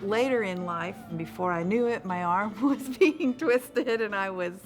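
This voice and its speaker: A woman, an association member, speaking briskly and wryly in an interview. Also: medium pitch. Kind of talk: interview testimonial.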